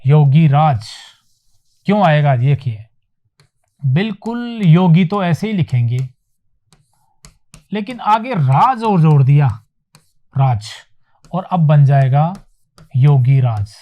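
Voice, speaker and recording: Male teacher, high voice, lecturing at a board; drills each word, asks and answers his own questions. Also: expressive, lo-fi sound. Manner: repeats words slowly for emphasis, asks and answers himself. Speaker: Hindi teacher. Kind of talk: classroom lecture on spelling. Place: classroom with whiteboard.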